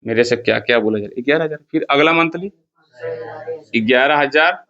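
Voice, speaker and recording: Bright-voiced man teaching a math class. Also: medium pitch, normal speed, highs cut off. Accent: Bihari Hindi. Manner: asks the class questions and answers them himself; counts step by step, repeats key terms. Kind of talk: classroom lecture.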